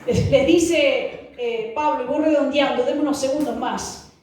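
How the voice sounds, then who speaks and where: High-voiced woman preaching in echoey hall. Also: measured pace, a little mellow. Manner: fervent, repeating rhetorical questions. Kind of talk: sermon. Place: church hall. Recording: echoey church hall from far off.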